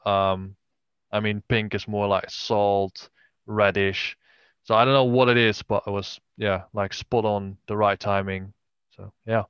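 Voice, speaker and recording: Halting, clear-voiced man, slightly muffled recording. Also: lowish voice, little pitch movement, a bit bright, no room sound. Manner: halting speech with many hesitations. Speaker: podcast guest, travelling videographer and drone photographer. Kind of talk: casual interview talk.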